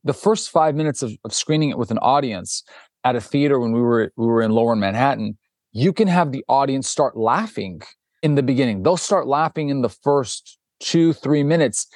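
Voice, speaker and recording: A man's voice: medium pitch, no echo, clean studio sound. A man being interviewed as a film director, telling anecdotes with lots of restarts and quoted dialogue. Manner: animated anecdotes with many restarts and acted quotes. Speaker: documentary director, guest. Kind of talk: conversational storytelling interview.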